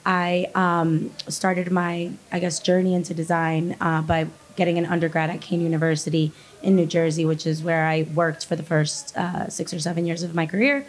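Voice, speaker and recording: Woman with a strained, rough voice. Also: fairly low pitch, little pitch movement. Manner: hesitant, halting with ums. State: voice strained from being unwell. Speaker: senior interior designer. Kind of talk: panel self-introduction.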